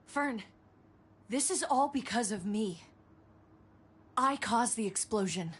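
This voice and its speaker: A woman's voice: fairly high pitch, expressive, takes it slowly, slightly rough, exaggerated voice. A woman playing a guilt-ridden, compassionate survivor, earnest and imploring, in a dramatic video game. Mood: remorseful, pleading.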